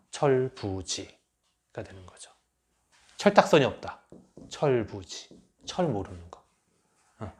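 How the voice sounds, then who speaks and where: A middle-aged man teaches in a lively, animated way, acting out the remarks he quotes. He speaks at an ordinary pitch for a man. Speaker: lecturer. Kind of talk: enneagram lecture.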